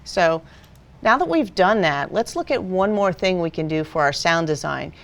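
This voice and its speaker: A woman with a lower-pitched voice walks through a software tutorial one step at a time. She explains patiently and plainly, like a teacher guiding a class. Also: animated, moderate pace. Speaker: video editing instructor. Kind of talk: screen-recorded software tutorial.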